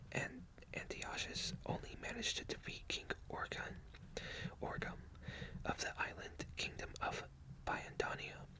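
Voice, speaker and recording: A person whispering close to the ear in an ASMR style, reading carefully from a book and sometimes stumbling over words. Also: poor audio. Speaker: ASMR host. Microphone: close ear-to-ear microphone.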